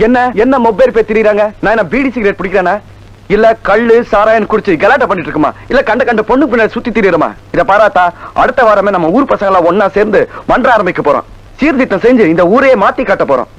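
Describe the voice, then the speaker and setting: A man's voice: sits high, expressive, fast talker, no echo, muffled recording. A cocky young village man. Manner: cocky, boastful retorts. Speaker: son in a film scene. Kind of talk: Tamil film comedy acting.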